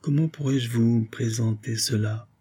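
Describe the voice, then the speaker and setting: A man's voice: mid-range voice, measured pace, mellow, breathy edge. A man reading the part of a scheming, aging viscount in a suave, coaxing manner. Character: scheming aging male viscount, smooth and cunning.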